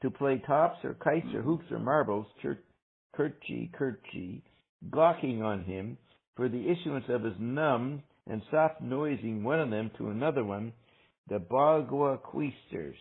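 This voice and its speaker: Male book-group reader, deliberate delivery, rough husky voice, narrow-band call sound. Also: medium pitch. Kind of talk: reading dense literary prose aloud with discussion.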